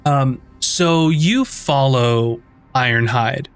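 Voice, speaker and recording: A man narrating as game master, relaxed and rambling, with many ums and likes. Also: medium pitch, extremely slow, smooth, faint music behind.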